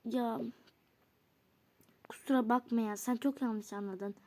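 A woman's voice: a little high, fairly even intonation, unhurried, darkish tone, pitched below the performer's own voice, lightly acted. A woman voicing a pleading teenage boy who keeps apologizing to his girlfriend in a doll role-play story.

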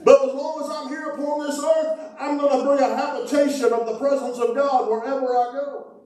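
A middle-aged man preaching as pastor, calling out to his congregation and shouting with fervor. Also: very high-pitched, little pitch movement, brisk, distant mic. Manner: fervent preaching, calls out to the congregation, shouts "woo". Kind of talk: sermon. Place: church sanctuary, indoors. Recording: echoey church hall from afar. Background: congregation responding.

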